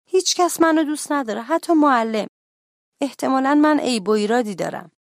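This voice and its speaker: Restless lonely schoolboy voiced by a woman, loud, plaintive, high, storybook voice. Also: animated, no room sound, clean studio sound. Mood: sad. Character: restless, lonely schoolboy who keeps getting into trouble.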